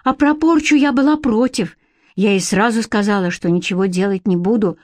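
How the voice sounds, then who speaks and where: A woman's voice: medium pitch, moderate pace, no room sound, lightly acted. A woman voicing a tearful young village girl who coaxes and pleads for forgiveness. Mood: repentant.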